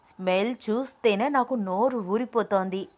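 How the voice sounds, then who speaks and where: A woman's voice: mid-range voice, a little slow, close to an everyday voice. A woman voicing a playful, cheeky young woman with a teasing, bubbly way of talking.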